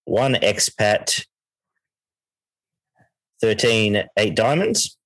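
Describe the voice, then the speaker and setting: A man's voice: on the low side, sing-song, extremely slow, a bit bright, no room sound, rough recording. An Australian man hosting a horse racing preview in a casual, conversational way, thinking aloud as he gives his tips. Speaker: horse racing podcast host and tipster.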